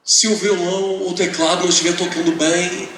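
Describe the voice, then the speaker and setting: A man with a very high, bright, forceful voice interprets a sermon for a visiting preacher. He preaches with passion, swinging from shouted emphasis to quiet asides. He is heard from some distance in a large, booming auditorium. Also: little pitch movement, brisk, a little hiss or hum. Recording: echoey hall, voice from a distance.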